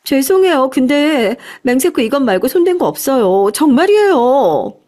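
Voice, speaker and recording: A woman voicing a young woman friend who shouts and pleads after being caught stealing, in a storybook radio tale. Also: sing-song, normal speed. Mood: pleading. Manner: shrill, defensive, then pleading.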